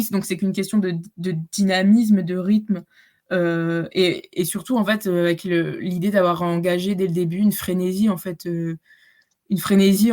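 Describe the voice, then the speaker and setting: A woman's voice: lowish voice, a little mellow. Female podcast guest, casual film chat, hesitant and filler-heavy. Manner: hesitant, searching for words, many fillers.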